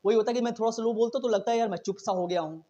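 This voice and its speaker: A man teaching an exam-prep lesson at a very fast pace, chatty and casual, mixing in English terms and often checking in with his students. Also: high voice, dark tone, lo-fi sound. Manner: very fast talker, says he cannot slow down.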